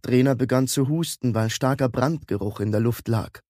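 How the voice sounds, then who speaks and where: A man reading a fantasy story aloud as a narrator, acting out the characters' shouts and whispers. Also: mid-range voice, moderate pace, dry recording, clean studio sound. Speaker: audiobook narrator.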